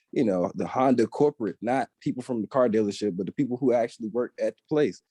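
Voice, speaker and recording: A young man with a mellow, dark-toned voice chats eagerly as an interview guest, running from thought to thought and dropping in quoted asides. The sound is dry and close, with little room in it. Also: on the low side, dry recording. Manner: eager and talkative, quotes others in quick asides. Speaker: guest graphic artist and designer. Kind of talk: casual interview chat.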